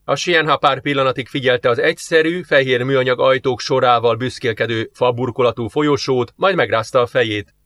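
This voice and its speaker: Guy reading an audiobook, steady measured narration, mid pitch, dry close mic. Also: no echo.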